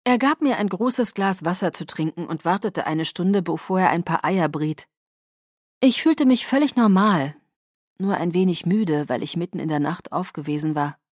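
A woman narrating an audiobook in the first person with a calm, measured reading. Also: lowish voice, dry recording, clean studio sound.

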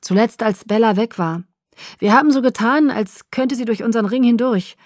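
A woman's voice: a little high, moderate pace, a little mellow, no room sound, studio quality, lightly acted. A woman voicing a hot-tempered young man who barely holds back his rage, speaking in tense, clipped bursts. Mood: reporting.

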